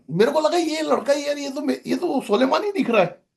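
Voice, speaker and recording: A man's voice: very high voice, animated, moderate pace, creaky. A middle-aged man, a podcast guest, telling a rambling story in casual conversation, with many restarts.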